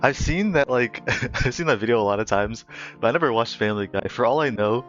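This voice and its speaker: A young man hosts a livestream in a loose, rambling chat, breaking into giggles between phrases. His voice sits at an ordinary middle pitch. The sound is a little muffled and lo-fi, with faint music underneath. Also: lively intonation, brisk, fairly bright tone. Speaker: livestream host. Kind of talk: casual stream chat and storytelling.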